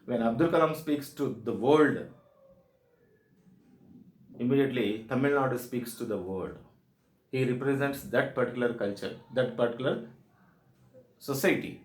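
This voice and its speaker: This soft skills trainer, a man with a South Indian accent, delivers an instructional presentation at a normal speed with long pauses and a medium pitch. Emphatic, brief declarative phrases recur throughout, heard against echoey room sound.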